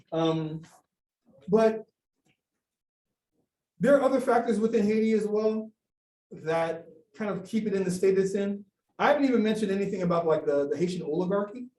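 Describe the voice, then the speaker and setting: Man, high voice, mellow tone, hesitant academic speaker, lecture room, roomy and distant. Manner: hesitant, many restarts and fillers. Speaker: guest speaker. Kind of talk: academic Q&A talk. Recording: echoey room from far off.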